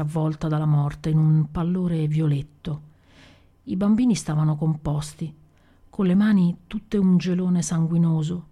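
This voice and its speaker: A woman reading literary fiction aloud with a measured, dramatic delivery. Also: lowish voice, mellow. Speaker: literary reader.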